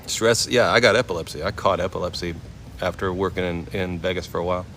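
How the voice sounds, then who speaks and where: Walking outdoors in a temple complex, a forty-something American from the West Coast, working as a chef and livestreamer, tells casual stories to live viewers in easygoing slang. His voice sits low with a fairly bright tone, steady and fast. The background carries noisy outdoor ambience and passing vehicles.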